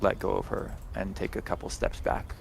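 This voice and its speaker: Hoarse gravelly low man. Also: completely flat delivery, moderate pace, slight background noise. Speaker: player. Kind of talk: in-character roleplay narration.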